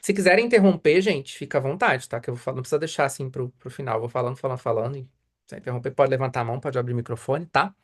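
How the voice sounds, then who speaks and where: A man's voice: medium pitch, very fast. A man with a Brazilian Portuguese accent, a psychoanalyst teaching a study group in a live online lecture. He speaks conversationally, tags nearly every point with "né?", and asks and answers his own questions.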